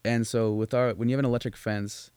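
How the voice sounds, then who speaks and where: A man's voice: mid-range voice, fairly even intonation, fast talker, darkish tone, smooth, no echo. A young man hosting a casual podcast chat, telling stories in a rambling, profane way with lots of restarts and fillers. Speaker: podcast co-host.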